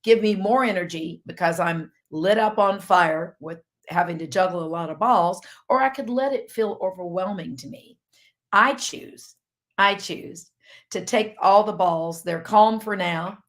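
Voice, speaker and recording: A middle-aged woman physician with a Southern US accent, hosting a live online health session in a chatty, rambling way. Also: fairly low pitch. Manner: chatty, rambling, laughs easily. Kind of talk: casual live-stream chat.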